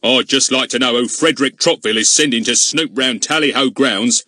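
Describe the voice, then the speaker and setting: A man voicing a pompous, blustering middle-aged village policeman in an audiobook, with a husky, loud delivery. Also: mid-range voice, a little fast, no echo, studio quality, pitched above the performer's own voice. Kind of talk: audiobook character voice.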